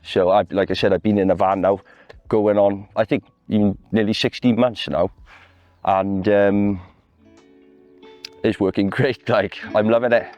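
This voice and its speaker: A man's voice: lowish voice, fairly even intonation, unhurried, pauses often, darkish tone, highs cut off, faint music behind. A man with a Welsh accent talking casually and candidly about himself, often tagging phrases with "you know" and "like". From Wales. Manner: conversational, with frequent "you know" and "like" tags. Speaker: van dweller being interviewed.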